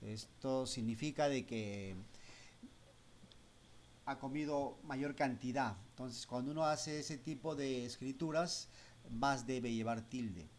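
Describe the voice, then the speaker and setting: A man's voice: medium pitch, takes it slowly, a little hiss or hum. A man teaching a class of children, patiently explaining a computer program step by step and asking them questions as he goes. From Spanish-speaking Latin America. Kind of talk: screen-recorded software lesson.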